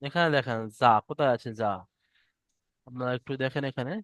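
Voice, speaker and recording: A man teaching Quran recitation in an online lesson, chanting verses slowly and explaining pronunciation patiently. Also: medium pitch, fairly bright tone, no room sound, clean studio sound.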